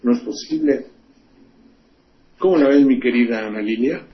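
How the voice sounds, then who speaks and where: A man's voice: medium pitch, animated, moderate pace, a crowd in the background. A man, hosting a radio commentary show, delivering indignant political criticism full of scornful rhetorical questions and profanity. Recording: dull lo-fi radio recording, faint hiss.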